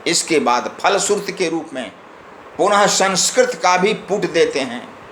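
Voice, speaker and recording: A man's voice: fairly high pitch, animated, measured pace, fairly bright tone, reverberant, slight background noise, low-quality recording. A man giving a religious discourse, reciting verses and then explaining each one. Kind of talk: scripture discourse.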